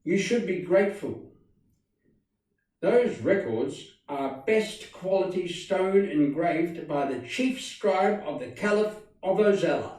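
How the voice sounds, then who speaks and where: A haughty, stern genie, as a male storyteller puts him on, speaking slowly and loftily. The voice is dark-toned and distant in a very echoey room. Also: high voice, animated. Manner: stern and lofty.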